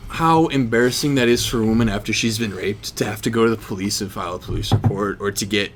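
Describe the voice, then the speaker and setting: A man's voice: on the low side, fast talker, a little hiss or hum. A man co-hosting a satirical podcast, speaking emphatically with an indignant tone. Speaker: podcast co-host.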